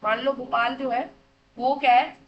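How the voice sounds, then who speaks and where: A woman's voice: sits high, steady tone, normal speed, highs cut off. A woman teaching children, asking questions and answering them herself, addressing them fondly and checking they follow. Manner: calls listeners beta, keeps checking with "theek hai". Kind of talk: classroom lesson for children.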